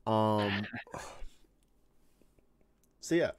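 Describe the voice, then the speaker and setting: A man's voice: fairly low pitch, animated, very slow, no room sound. A young man from Chicago with a Chicago accent, hosting a casual live-stream chat and rambling through questions with lots of fillers. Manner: rambling, many fillers and restarts. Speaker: streamer host.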